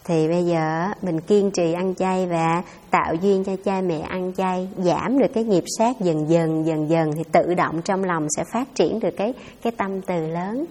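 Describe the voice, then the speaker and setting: A woman's voice: on the low side, normal speed, hardly any pauses, dark tone, long reverb tail. A Buddhist nun giving a dharma talk, answering questions in a conversational storytelling way and speaking straight to her listeners. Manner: conversational storytelling, addresses audience directly.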